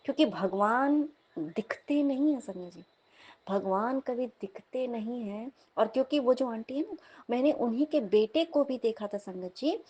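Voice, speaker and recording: A young woman, telling of a dream as devotional testimony in a lively storytelling manner, often turning to her listeners. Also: fairly high pitch, normal speed, muffled recording. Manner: animated storytelling, repeatedly addressing listeners. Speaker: devotee sharing a dream at satsang.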